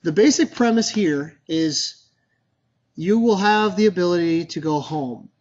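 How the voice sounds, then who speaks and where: Male user-group presenter, chatty and informal, higher pitch, muffled recording. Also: lively intonation, unhurried. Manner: chatty, loose, many fillers and restarts. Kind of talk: casual presentation to a meetup.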